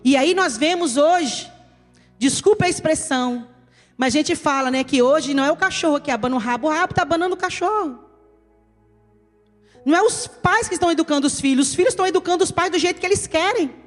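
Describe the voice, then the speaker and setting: A woman's voice: high voice, quick pace. A woman pastor with a Brazilian accent, preaching an emphatic sermon and addressing her listeners as "querido". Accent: Brazilian Portuguese. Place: church hall. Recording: reverberant church hall with soft music.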